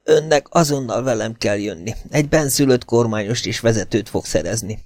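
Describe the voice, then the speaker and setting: A man's voice: darkish tone, no room sound, close to an everyday voice. Man playing a stern, commanding officer. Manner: commanding, raised-pitch urgent delivery. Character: stern, exhausted young male officer.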